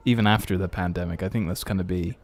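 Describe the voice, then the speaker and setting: A man born and partly raised in Austria hosts an entertainment podcast, talking fast in a low, steady voice. His chat is casual, rambling and hesitant.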